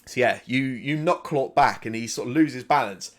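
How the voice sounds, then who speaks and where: A man runs a tabletop game as its game master, narrating the action. He rambles and corrects himself as he goes. His pitch is mid-range, and he speaks into a desk microphone at home. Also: moderate pace.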